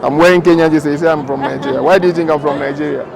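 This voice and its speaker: A Ghanaian man hosts a casual street interview, firing off upbeat, teasing questions in a slightly high, steady, gravelly voice at a rapid clip. He's outdoors on a busy city street, with a loud crowd and music all around.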